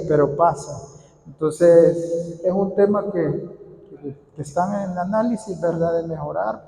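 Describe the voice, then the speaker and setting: A man with a fairly high but warm, mellow voice leads a casual workshop for church readers. He repeats his key points and turns to questions from the room as he goes. The sound rings out with the long reverb of a large hall. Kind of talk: informal instructional talk to a group.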